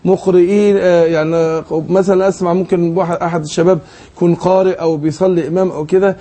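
A man's voice: high voice, little pitch movement, rapid-fire, mellow. A man with an Egyptian accent teaching Quran recitation rules, patiently explaining and asking leading questions. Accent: Egyptian Arabic. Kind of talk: tajweed lesson.

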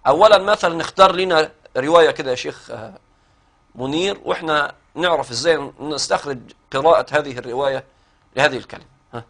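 A man with an Egyptian accent teaches recitation rules in a classroom. He explains step by step, chants verse lines slowly and quizzes a student. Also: a little high, a bit bright. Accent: Egyptian Arabic.

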